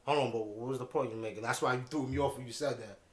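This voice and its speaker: A man hosting a podcast in casual chat, slangy and quick to laugh, saying "yeah" over and over. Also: medium pitch, roomy sound. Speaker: podcast host.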